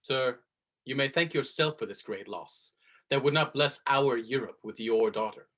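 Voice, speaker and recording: A man's voice: mid-range voice, normal speed, fairly bright tone, lightly acted. A man playing a blunt, mocking nobleman in a Shakespearean drama, with a dry, cutting delivery. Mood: accusing. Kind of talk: Shakespearean stage drama performance.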